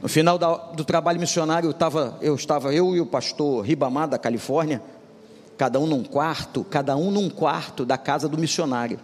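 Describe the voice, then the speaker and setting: Animated male pastor preaching in a hall. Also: on the high side, fairly quick. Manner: animated, humorous, addresses congregation directly. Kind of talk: storytelling sermon. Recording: long hall reverb with music behind.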